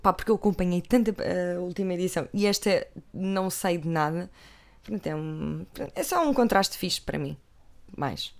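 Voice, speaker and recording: A woman's voice: on the low side, normal speed, creaky. A woman with a European Portuguese accent chatting casually to viewers, rambling and breaking off with asides. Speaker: vlogger. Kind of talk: casual chat about TV.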